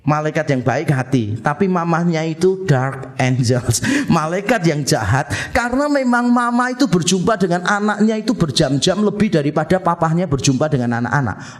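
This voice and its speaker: Man, pastor, sermon, high voice, animated delivery, church. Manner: lively preaching with acted-out quotes and humor.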